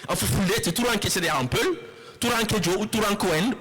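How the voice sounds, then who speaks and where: A man with a fairly high voice delivers a public lecture. He explains patiently, repeats key words slowly and questions his audience. A faint hiss of noise sits under the recording. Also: a bit bright, rough recording. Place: lecture hall.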